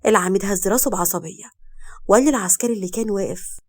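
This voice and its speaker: Fast-paced Egyptian woman storyteller. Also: mid-range voice, darkish tone. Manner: dramatic, suspenseful. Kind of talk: dramatic story narration.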